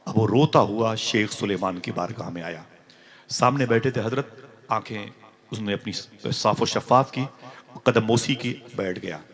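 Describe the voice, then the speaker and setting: A man giving a religious sermon, telling a story with acted-out dialogue and sudden loud, emotional outbursts. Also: fairly low pitch, a little slow. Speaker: preacher.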